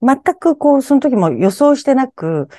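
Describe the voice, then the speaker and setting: A woman's voice: sits high, very animated, normal speed, warm tone, no echo, clean studio sound. A woman telling her own strange, eerie experiences in conversation, animatedly acting out her startled reactions.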